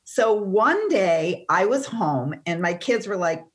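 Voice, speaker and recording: A middle-aged woman, a seminar teacher, telling a personal story in conversation, animated and emotional. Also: medium pitch, slow.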